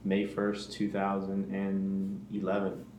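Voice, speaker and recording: A man's voice: sits low, completely flat delivery, slow pace, a little mellow. Man, 30s, from the Bahamas, podcast guest, candid, reflective, echoey room, faint noise. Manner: candid, reflective, many fillers and restarts. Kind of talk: personal recovery story.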